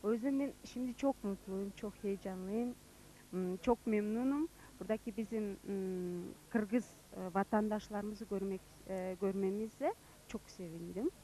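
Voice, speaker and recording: Mellow young Kyrgyz woman, halting Turkish. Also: medium pitch, slight background noise, poor audio. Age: young adult. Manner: halting non-native Turkish with hesitations. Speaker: student interviewee. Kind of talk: informal on-camera interview.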